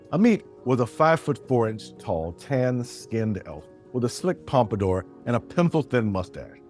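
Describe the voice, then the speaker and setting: A man narrating a fantasy story in a steady, descriptive way. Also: medium pitch.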